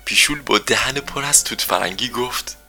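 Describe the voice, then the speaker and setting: A man narrating a children's story in a gentle storytelling manner. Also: medium pitch, soft background music.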